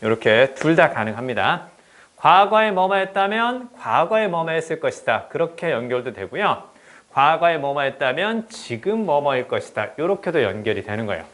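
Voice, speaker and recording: A man teaching an exam-prep English grammar lesson, often checking in with the class and reading English examples slowly. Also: on the high side. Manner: lively, repeats "그쵸?" to check understanding.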